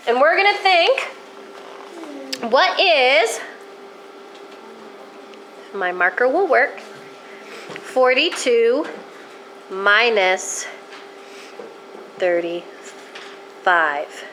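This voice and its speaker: A woman's voice: sits high, lively intonation, normal speed, bright, forceful tone, slight background noise. A woman teaching a math lesson to a class of children, encouraging them and asking questions, her voice worn and close to giving out. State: coughing, losing her voice.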